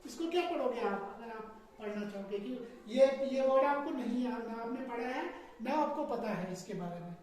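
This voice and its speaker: A woman's voice: fairly high pitch, expressive, normal speed, a little mellow. A woman teacher running a spelling lesson, spelling words out letter by letter and quizzing her students with repeated questions. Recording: echoey room from far off.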